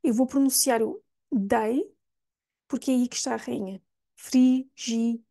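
A woman's voice: fairly high pitch, warm tone. European Portuguese woman teaching pronunciation. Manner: slow, clear demonstrations of single words. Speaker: language teacher. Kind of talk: pronunciation lesson.

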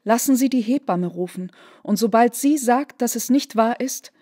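Woman reader doing a young noble widow: earnest, pleading, a little high. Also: normal speed, dark tone, natural voice. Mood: desperate. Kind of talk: literary reading.

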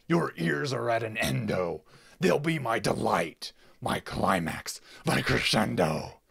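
A man voicing a greedy, gloating fat pig lord who barks orders in a deep, roaring boar voice. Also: big pitch swings, takes it slowly, vocal fry, fairly bright tone, breathy edge, full character voice. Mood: gloating, commanding. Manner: bossy, commanding, gleeful.

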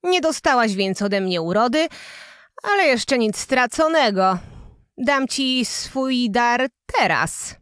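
A woman's voice: a little high, lively intonation, slow pace, a bit bright, clean tone, no room sound, studio quality. A woman voicing an ugly, scheming old village witch in a storybook tale, speaking in an ominous, grudging way. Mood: coaxing.

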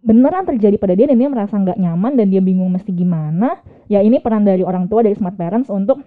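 Woman, quick explanatory chat, tinny narrow sound. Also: mid-range voice, lively intonation. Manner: explanatory, chatty, frequent fillers. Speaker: child psychologist guest. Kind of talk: casual interview chat. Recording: phone-like narrow audio.

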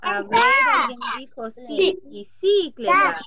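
A Chilean woman teacher with a very high voice, speaking slowly and drawing out each word for young children on a video call. The sound is dull, lo-fi and dry. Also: animated, over a noisy crowd. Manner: slow, clear, drawn-out words for children. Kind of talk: online class for young children.

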